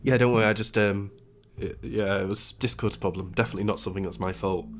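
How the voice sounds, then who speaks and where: A man's voice: lowish voice, quick pace. A man chatting casually while playing a co-op game, narrating a role-play setup and poking fun at himself. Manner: animated, self-mocking, laughs often. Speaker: streamer and co-op player.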